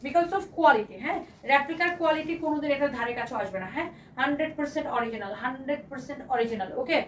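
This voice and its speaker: Fast, high-voiced hoarse woman selling dresses live. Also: far from the mic, slight background noise. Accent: Bangladeshi Bengali. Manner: enthusiastic, repetitive, mixes English phrases. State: hoarse from shouting. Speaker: live-sale fashion seller. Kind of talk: live shopping sales pitch.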